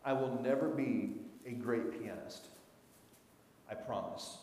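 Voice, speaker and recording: A man's voice: medium pitch, takes it slowly, warm tone, slight background noise. A middle-aged man preaching a sermon in a church sanctuary, conversational and asking the congregation questions. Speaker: pastor. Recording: echoey church room.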